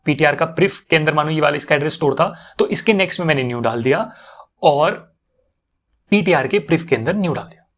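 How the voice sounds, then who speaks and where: A man's voice: fairly high pitch, brisk, fairly bright tone. A young man explaining code step by step to students in a casual teaching manner, often repeating himself and checking that they follow.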